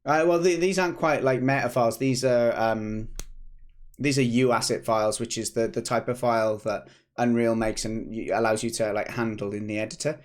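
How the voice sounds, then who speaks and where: In his home office, a British game developer in his thirties hosts a relaxed devlog stream into a desk mic. His voice is a touch hoarse, medium in pitch, fairly even in intonation, and at normal speed, while his chatty talk rambles with frequent restarts.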